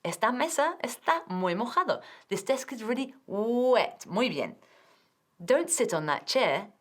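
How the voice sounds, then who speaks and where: A woman with a Spanish accent teaching English on TV, speaking slowly and clearly and drilling words. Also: fairly high pitch, very animated. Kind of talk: TV English lesson.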